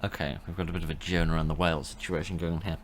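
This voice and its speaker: A man's voice: deep voice, fairly even intonation, racing, a little hiss or hum. A British man giving a casual, rambling let's play commentary in a wry manner, often interrupting himself. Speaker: gamer commentating.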